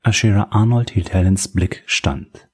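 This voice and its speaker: Low, husky male audiobook narrator. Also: a little slow. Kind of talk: scripted narration of a crime novel.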